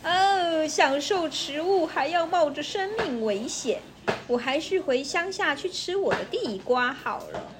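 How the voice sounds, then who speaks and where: A woman's voice: sits high, expressive, unhurried, noisy background, voice pushed up. A woman voicing a small, timid male country mouse who is awed and easily frightened. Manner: wide-eyed, awed and shaky.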